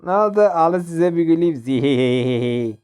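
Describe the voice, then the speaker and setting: A gaming channel host speaks in a smooth, unhurried, mid-range voice. Playing a mobile game, the young man keeps up casual, jokey commentary, getting excitable with frequent yelps and laughs.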